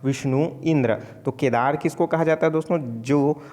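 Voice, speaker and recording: A man's voice: fairly high pitch, normal speed, darkish tone, long reverb tail. A man from Chhattisgarh teaching an exam-prep Hindi grammar lesson, speaking casually to viewers as friends and answering his own questions.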